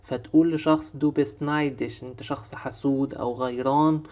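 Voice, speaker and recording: A man with an Egyptian Arabic accent teaching a German vocabulary lesson, patiently repeating each word slowly. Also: mid-range voice, fairly even intonation, darkish tone. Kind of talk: online language lesson.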